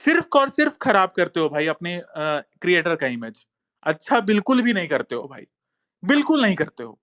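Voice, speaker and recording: High-pitched man, insistent rant. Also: very animated, moderate pace, a bit bright. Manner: insistent, repeats phrases and says "bhai" often. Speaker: social media commentator. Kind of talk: heated talk-space monologue.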